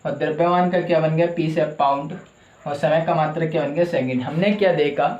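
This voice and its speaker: A man's voice: fairly high pitch, fairly even intonation, brisk, a little mellow, reverberant, lo-fi sound. A male teacher giving a classroom lecture who asks his own questions and answers them, repeating the key terms.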